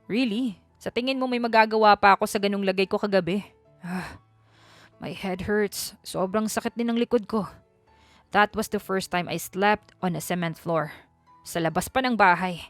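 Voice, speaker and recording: A woman's voice: mid-range voice, normal speed, no echo, faint music behind, close to an everyday voice. A woman voicing a hungover, grumpy rich young man who speaks curtly and coldly in a storybook reading. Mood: irritated. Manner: curt, cold and commanding.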